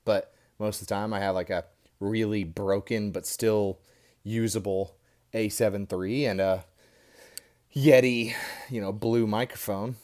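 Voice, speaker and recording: A low-pitched American man speaks off the cuff, like a podcast host alone with his camera. His delivery is informal and rambling, full of conversational asides, and he is recorded through a headphone mic plugged into a phone. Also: steady tone, a little slow, darkish tone. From Indiana, United States. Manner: informal, rambling with frequent "you know" asides. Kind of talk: casual off-the-cuff monologue to camera. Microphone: headphones used as mic with a phone.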